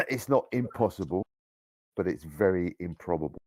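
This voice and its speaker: A man running a tabletop horror game as game master, talking in a halting way with many restarts. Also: sits low, expressive, no room sound.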